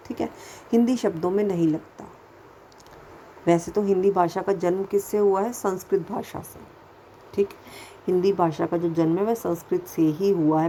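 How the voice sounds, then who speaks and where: A woman's voice: lowish voice, warm tone, slight background noise, rough recording. A woman teaching a first-grade lesson to children, speaking patiently, repeating sounds and asking questions as she goes. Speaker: Hindi teacher.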